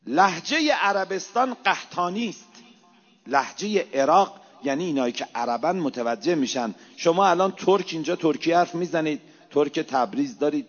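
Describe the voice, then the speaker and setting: A man preaching an impassioned sermon, swinging between hushed low asides and loud, rising exhortations. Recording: reverberant hall, dull lo-fi sound.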